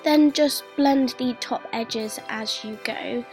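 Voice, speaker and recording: Her voice is a little high with a darkish tone, and she takes a slow pace. This young beauty vlogger, congested and admitting she's ill, talks viewers through her makeup routine step by step in a friendly, chatty voice-over, with music clearly audible behind her.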